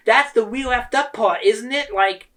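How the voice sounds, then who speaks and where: Angry solo rant from a male creator; high, bright voice, slightly off-mic. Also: measured pace, far from the mic. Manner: heated, swearing, quotes people in mock voices. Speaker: gaming video creator. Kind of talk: angry ranting monologue.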